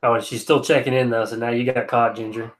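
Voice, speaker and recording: Speaking flatly at a quick pace in a mid-range voice, a congested man streams live from home. He's an excavation contractor who rambles easily through viewer comments, often starting his sentences over.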